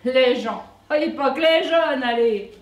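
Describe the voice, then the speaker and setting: Blunt high-voiced woman. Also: slow pace, dull audio. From Vosges, France. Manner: blunt, folksy, mocking. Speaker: sketch performer. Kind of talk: comic stage monologue. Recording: echoey room from far off.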